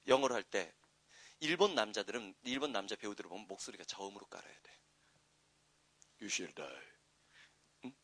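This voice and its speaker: Guy teaching english grammar, rambly asides, gets loud and punchy on the rules, bright voice, very dry sound. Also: fairly low pitch, no echo. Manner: rambling, chatty asides with frequent "응?" checks; loud, emphatic when explaining grammar. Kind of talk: classroom lecture.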